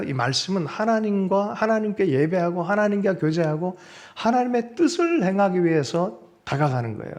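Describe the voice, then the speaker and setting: Pastor, male, slightly raised pitch: preaches with energy and keeps drawing the congregation in with questions. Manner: animated, asks the congregation questions and seeks their agreement. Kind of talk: sermon. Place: church sanctuary.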